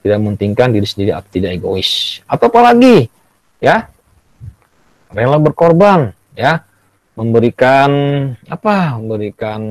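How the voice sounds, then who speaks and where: A man's voice: medium pitch, no room sound. Male Indonesian schoolteacher on a video call, dry sound, coaxing, keeps checking in with "ya". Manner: repeats "ya" and "gitu loh" often, coaxing; acts out children's tantrums in a raised voice. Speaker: teacher. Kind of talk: online class lesson.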